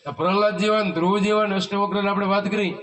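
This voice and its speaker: A man preaches a devotional sermon in a notably high voice, keeping his listeners engaged with rhetorical questions and chanted hymn lines. He sits some way from the mic, so he sounds distant. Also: fairly even intonation, quick pace, fairly bright tone. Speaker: spiritual teacher leading a satsang. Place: devotee's home in a village. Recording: voice from far off the mic.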